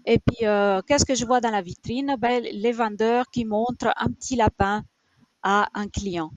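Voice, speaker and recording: A guest on an interview, this woman in her forties from Italy founded a rabbit shelter and speaks French with an Italian accent. She answers hesitantly, full of fillers and false starts, in a voice on the high side with fairly even intonation and a slightly slow pace. The sound is lo-fi with no room sound.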